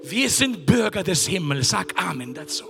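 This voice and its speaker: A man preaching a sermon as pastor of his church, emphatic, swinging from shouted lines down to hushed whispers. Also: high-pitched, very animated, moderate pace, gravelly, noisy background. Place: church service. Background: music.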